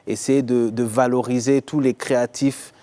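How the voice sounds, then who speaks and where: A man of middle pitch from Congo, raised in Belgium and Ivory Coast, talks as a guest on a TV show. He speaks thoughtfully, pausing and repeating words as he gathers his thoughts. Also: flat delivery, warm tone. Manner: thoughtful, measured, with frequent hesitations and repeated words. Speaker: entrepreneur guest. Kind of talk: TV talk show interview.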